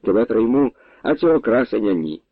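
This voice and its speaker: A man's voice: mid-range voice, big pitch swings, fairly quick, no room sound. A bold young village woman who speaks her mind in a homely, direct way, as a male narrator puts her on. Her lines rise and fall freely. The recording is dry and tinny. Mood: frank. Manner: direct, homely, plain-spoken. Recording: dry, tinny phone-like sound.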